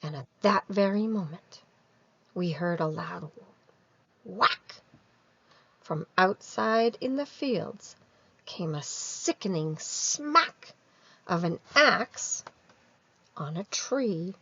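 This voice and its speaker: Unhurried woman reading aloud to children. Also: lowish voice, expressive, creaky, bright, forceful tone, slightly rough, dry recording, highs cut off. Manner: teacherly, prompting with questions. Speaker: read-aloud storyteller. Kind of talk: reading a picture book to children with explanatory asides.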